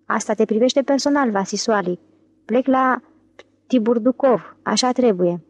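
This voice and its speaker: A woman's voice: fairly high pitch, dry recording. A woman voicing a blunt wife who speaks curtly and with irritation. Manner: curt and irritated.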